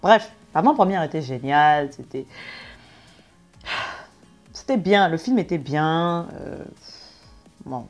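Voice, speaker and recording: A young woman vlogger telling a story in an animated, exaggerated, slangy way. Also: low voice, takes it slowly, pauses often, lo-fi sound, soft background music. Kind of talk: casual storytelling vlog.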